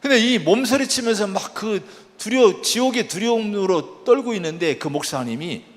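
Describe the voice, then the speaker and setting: Lively male preacher in an echoing church. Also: sits high, normal speed. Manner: animated storytelling preacher, exhorting the congregation. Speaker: pastor. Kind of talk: sermon. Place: church sanctuary.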